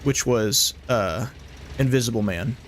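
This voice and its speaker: A man's voice: mid-range voice, unhurried, a little hiss or hum. A young man casually commenting while streaming a game, rambling and joking. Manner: chatty, rambling, jokey. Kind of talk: casual live gameplay commentary.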